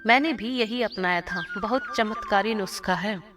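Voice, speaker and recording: A chatty young neighbor woman, as a woman narrator puts her on in a cartoon storybook. She talks in a confiding tone over loud backing music. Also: mid-range voice, normal speed, distant mic, lightly acted.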